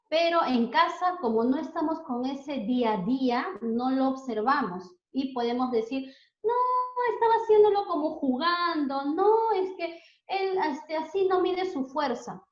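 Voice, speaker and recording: A woman's voice: on the high side, a little mellow. A woman therapist giving an educational talk to parents, explaining patiently and often tagging phrases with a question. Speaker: child development therapist. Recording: roomy, dull lo-fi sound.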